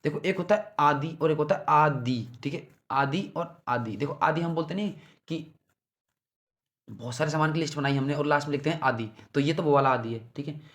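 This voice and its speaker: A man's voice: on the high side, fairly quick, a bit bright. A man teaching a casual revision lesson for exam students. He repeats each word pair several times, checks in often, and talks to the listener like a friend. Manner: calls the listener "bhai", speaks informally.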